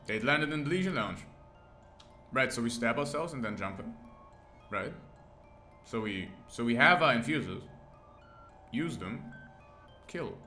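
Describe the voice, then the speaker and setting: A man's voice: mid-range voice, lively intonation, unhurried, pauses often, bright, forceful tone, faint music behind. A man streaming a game, reading its text aloud with crude, joking asides. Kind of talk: reading a visual novel aloud with commentary.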